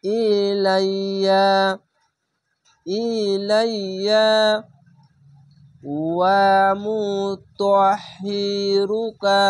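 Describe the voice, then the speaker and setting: A man teaching Quran reading step by step. He draws each Arabic word out slowly, says it twice, then patiently explains how to pronounce it. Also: high-pitched. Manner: stretches Arabic words slowly, then explains the rules plainly. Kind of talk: step-by-step recitation lesson.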